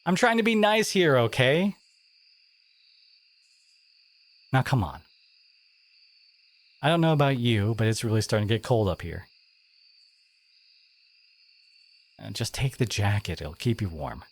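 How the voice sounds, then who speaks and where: Playing a teenage bully with a hidden wounded, caring side, a man speaks haltingly and confidingly with sardonic edges in an intimate audio roleplay. His medium-pitched voice is expressive, and the mood feels gruff yet caring.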